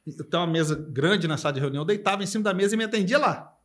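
A man's voice: high voice, animated, racing. A middle-aged man from Brazil telling his own story in casual podcast chat, emphatic, asking "you know?" after his points. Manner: emphatic, fillers like "cara" and "entendeu".

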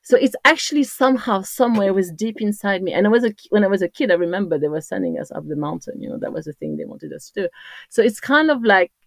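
A trail runner from Corsica, a woman in her fifties with a French accent, rambles as a podcast guest in a casual interview, restarting often. Her mid-range voice is expressive, fast and gravelly, captured in a dry recording.

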